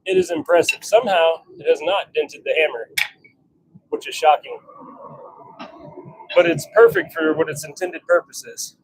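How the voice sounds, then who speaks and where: A man with a slightly high, expressive voice speaks at normal speed and pauses often, captured in a rough recording with slight background noise. He's a hobby blacksmith livestreaming from his home forge workshop, casually talking half to viewers and half to himself as he works.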